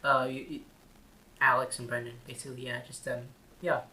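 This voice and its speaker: A man's voice: medium pitch, level tone, a little fast, bright, forceful tone. A teenage boy co-hosting a casual podcast with friends, rambling, giggling and swearing often. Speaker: podcast co-host. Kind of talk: casual chat among friends. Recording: echoey room.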